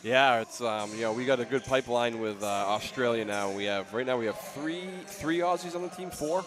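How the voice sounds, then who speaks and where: Coach guy doing color commentary at the game, halting, repeats himself a lot, mid voice, music behind. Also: medium pitch, low-quality recording. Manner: halting, repeating words as he searches. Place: courtside in a college gym.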